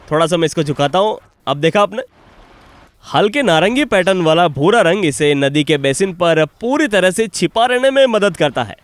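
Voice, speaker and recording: A man presenting an outdoor wildlife show in an excited, explaining way, exclaiming often. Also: fairly high pitch. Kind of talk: Hindi dub of an outdoor wildlife vlog.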